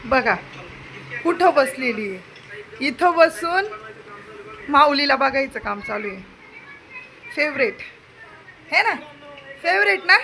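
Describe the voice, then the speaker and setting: A woman's voice: high-pitched, creaky, sharp tone, slight background noise, rough recording. A young mother at home, filming on a phone as she playfully coaxes and questions her small daughter. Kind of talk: casual home chat with a child. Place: home indoors.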